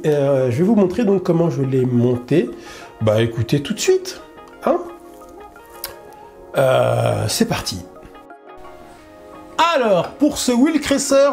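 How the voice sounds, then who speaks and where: A man's voice: on the high side, darkish tone. A man with a Parisian accent and a blocked nose, chatting in a casual drone-building vlog with many fillers and restarts. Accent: Parisian French. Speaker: FPV drone YouTuber.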